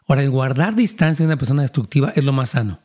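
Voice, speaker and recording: Male pastor, husky and warm-toned, earnest counseling voice. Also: mid-range voice, expressive, rapid-fire. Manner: earnest, preachy, addresses listeners directly.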